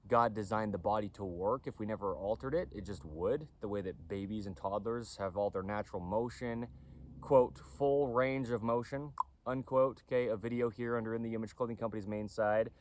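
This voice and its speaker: A man's voice: on the low side, brisk, a little hiss or hum. A man giving a casual lecture to camera on body mechanics, often stopping to ask "okay?". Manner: repetitive, keeps asking "okay?". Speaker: clothing company owner explaining anatomy.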